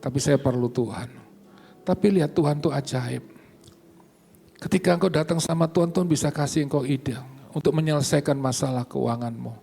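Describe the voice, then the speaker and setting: A middle-aged man, a pastor, telling his personal testimony in a church sermon, emotional and rising to excited heights. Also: on the high side, brisk, creaky, breathy edge. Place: church service.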